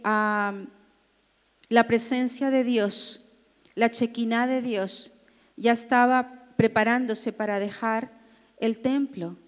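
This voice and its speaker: A woman pastor, teaching a Bible class in a deliberate, emphatic way, pausing often and spelling out names. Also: on the high side, a little mellow. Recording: long hall reverb.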